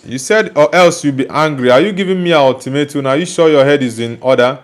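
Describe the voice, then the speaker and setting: A young Nigerian man hosts a football live stream in relaxed, chatty fashion, reading viewer comments aloud and replying directly, by turns teasing and blunt. He talks quickly, and his voice is a little higher than most men's.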